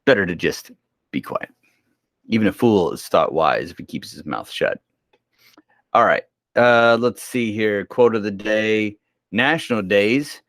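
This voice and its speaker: A man's voice: lowish voice, lively intonation, unhurried, pauses often, fairly bright tone, no room sound, clean studio sound. Sleepy, chatty man reading announcements. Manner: chatty and joking, yawning, thinking aloud. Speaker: school homeroom news host. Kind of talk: casual school announcements.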